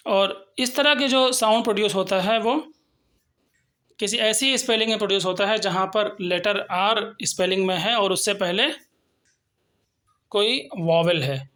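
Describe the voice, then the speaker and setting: A woman's voice: mid-range voice, a little slow, fairly bright tone. A woman teaching phonetics in a recorded lesson, explaining patiently and repeating example words. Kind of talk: recorded lecture with slides.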